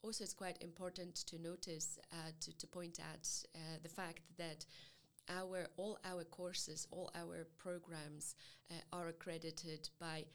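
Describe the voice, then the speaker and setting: A Polish psychology lecturer with a Polish accent is interviewed about university study, speaking carefully and hesitating often. Her voice sits on the low side, with little pitch movement and a slightly slow pace.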